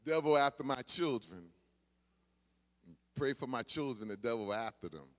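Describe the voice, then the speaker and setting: A male pastor a sermon, dropping to quiet asides and then rising into shouted exhortation. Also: animated, moderate pace. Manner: swings from low murmurs to shouted exhortation.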